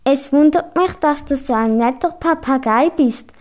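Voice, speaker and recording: A woman voicing a spirited young princess who has been kidnapped, speaking a little higher. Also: normal speed, lightly acted. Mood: defiant.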